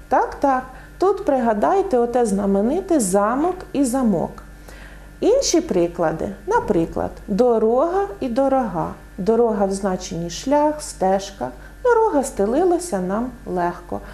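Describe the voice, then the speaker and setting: A woman explaining word meanings in a clear, didactic lesson, giving many examples. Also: on the high side, dark tone. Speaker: language teacher.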